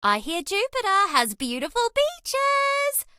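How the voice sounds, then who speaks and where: Brie, high bright excitable alien girl. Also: slow pace, no echo, studio quality, exaggerated voice. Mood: playful, eager. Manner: bubbly, playful, dramatic, swinging from exclaiming to coy. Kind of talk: animated game character voice lines.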